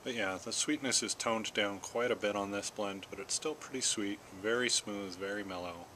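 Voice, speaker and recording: This is a middle-aged American vlogger with a lowish voice, chatting unhurriedly and haltingly on his own while smoking a pipe between phrases. He's outdoors in a backyard garden. The camera is about arm's length away or a little more, picking up clear background noise from outside.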